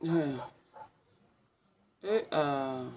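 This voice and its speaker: A woman hosting a casual live stream on her phone, talking quietly and in a hushed way. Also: deep voice, very slow, slight background noise.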